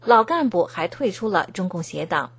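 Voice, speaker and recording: A woman reads scripted news narration in a steady, formal way. Her voice sits on the low side and has a husky, slightly breathy edge. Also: normal speed. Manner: even, formal reading tone. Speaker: news reader.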